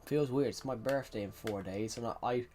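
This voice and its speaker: At a moderate pace, a young man from England speaks in a darkish, medium-pitched voice with a Southwest English accent. It's relaxed stream talk during a game: rambling, frequent restarts, and chat messages read out. Faint music and typing can be heard.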